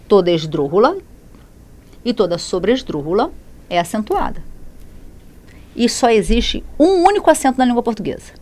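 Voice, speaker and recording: Lively woman teacher asking and answering herself. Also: medium pitch. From Brazil. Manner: lively, repeats and self-corrects, asks and answers her own questions. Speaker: Spanish teacher. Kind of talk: classroom lesson explaining grammar.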